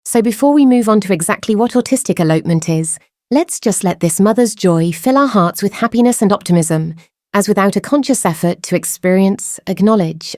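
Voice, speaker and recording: Host, woman, voice-changer processed, mellow tone, dry close sound, measured scripted delivery. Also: medium pitch, no echo. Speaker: true crime channel host. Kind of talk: scripted commentary.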